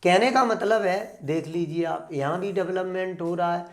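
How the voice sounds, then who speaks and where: A man's voice: high voice, moderate pace. A man teaching an online exam-prep class. He keeps asking his students questions, answers them himself, and calls them "beta".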